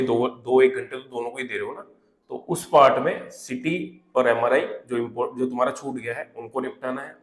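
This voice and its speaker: A man's voice: mid-range voice, a bit bright. Man teaching in an echoey room. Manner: conversational, repeats fillers like "theek hai" and "hai na"; reads English notes aloud slowly, word by word. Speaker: exam prep teacher. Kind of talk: casual exam tips lesson.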